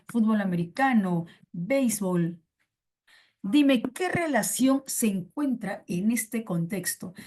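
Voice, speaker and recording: This woman has a mellow, medium-pitched voice and is leading an online class in Peruvian Spanish. Playful and coaxing, she repeats her phrases while addressing students over a computer microphone.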